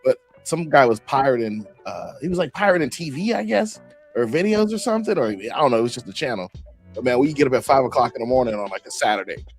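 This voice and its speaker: A man's voice: medium pitch, quick pace, faint music behind. A man hosting a podcast, chatting casually and telling stories full of slang and laughter. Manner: slangy, animated storytelling with frequent laughs. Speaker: podcast host. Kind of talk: casual chat.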